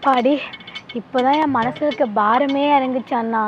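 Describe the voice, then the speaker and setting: A woman's voice: high voice, steady tone, moderate pace, dull audio. A young woman acting in a comedy skit, talking in a tearful, wheedling way. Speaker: comic actor. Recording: music over the scene.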